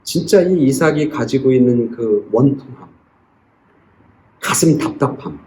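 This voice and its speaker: A man's voice: mid-range voice, lively intonation, unhurried, warm tone. A male pastor preaching a sermon in a church, telling a joke story with acted quotes and building to emphatic rhetorical questions. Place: church sanctuary. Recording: roomy church echo.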